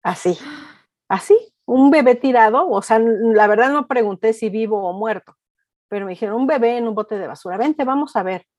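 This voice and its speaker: A woman's voice: a little high, moderate pace, darkish tone, dry recording. A middle-aged woman with a Mexican accent, a culture reporter telling anecdotes in a casual interview and acting out the people she quotes.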